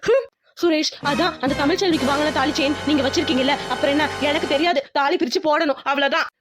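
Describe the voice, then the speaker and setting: A woman voicing a bold, cunning young village wife who nags loudly and insistently in a cartoon. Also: sits high, quick pace, music in the background, lightly acted. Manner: loud, insistent, nagging. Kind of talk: cartoon voice acting.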